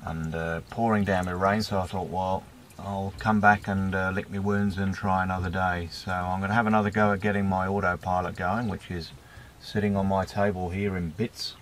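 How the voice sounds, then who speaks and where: Low-voiced and laid-back, this Australian sailing vlogger in his fifties rambles through self-filmed commentary with many "uh" fillers. He speaks at a moderate pace with little pitch movement and hardly any pauses. A camera mic, handheld or mounted, records him on a windy beach and a small sailboat, with clear background noise.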